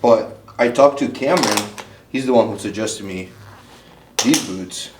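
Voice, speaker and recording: A young man from Ukraine vlogging his bodybuilding prep in a relaxed, chatty way, full of fillers and restarts. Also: lowish voice, a little slow, background noise. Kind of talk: casual vlog talk.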